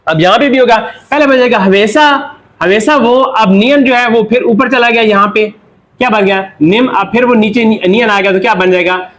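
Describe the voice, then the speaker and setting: High-voiced man teaching Korean pronunciation. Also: fairly bright tone. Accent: Pakistani Urdu. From Pakistan. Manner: asks questions and answers them himself, repeating drilled words; slows down to spell out example words. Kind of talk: classroom lesson explanation.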